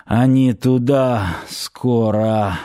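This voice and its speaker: A gravely wounded man forces out broken words one at a time, very slowly, as a man reads him. Each phrase comes weak and halting, with long gaps between. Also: medium pitch, dark tone. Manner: slow, broken, gasping phrases.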